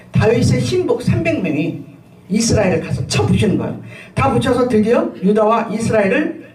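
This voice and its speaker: A middle-aged woman pastor giving a sermon with personal testimony, telling her story in an animated way with frequent laughter and fillers. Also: mid-range voice. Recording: echoey room, voice from a distance, faint ambient noise.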